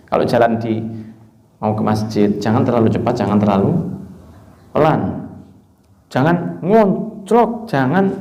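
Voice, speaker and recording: A man preaching a religious study sermon, explaining verses word by word with lively asides. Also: mid-range voice, vocal fry. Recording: roomy, dull lo-fi recording.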